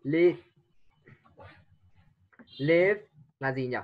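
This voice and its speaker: A man's voice: fairly high pitch, very slow, dull audio. A man teaching an English lesson to a child, patiently coaxing with repeated prompts.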